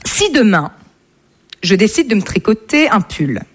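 A woman doing stand-up comedy, delivering absurd ideas in a mock-serious, deadpan tone. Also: medium pitch, unhurried, breathy edge. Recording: live show with crowd and noise.

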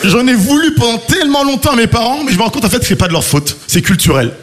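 Lively stand-up comic in his thirties. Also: extremely high pitch, fast talker. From France. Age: 30s. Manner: animated, self-mocking. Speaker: stand-up comedian. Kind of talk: stand-up routine.

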